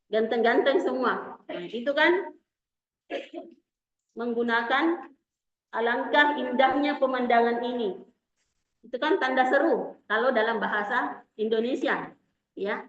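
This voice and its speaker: A woman teaching an Arabic lesson, explaining slowly and repeating key terms. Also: fairly high pitch. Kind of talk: classroom lecture. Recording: echoey room, dull lo-fi sound.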